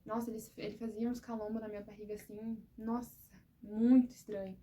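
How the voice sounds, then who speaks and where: A woman's voice: mid-range voice, little pitch movement, fairly quick, mellow. A young woman with a Brazilian Portuguese accent, telling a personal story to her viewers in a chatty, emotional way. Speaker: vlogger. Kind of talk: casual storytelling to camera.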